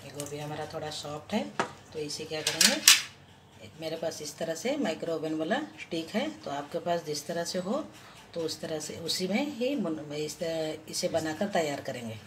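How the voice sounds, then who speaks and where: A woman vlogger in her home kitchen giving a slow, patient step-by-step cooking explanation, pausing often as she works. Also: low voice, expressive. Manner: slow, patient explaining with many pauses and restarts. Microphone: camera above the hands, speaker off-screen. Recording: home kitchen with audible stove noise. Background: sizzling and frying sounds.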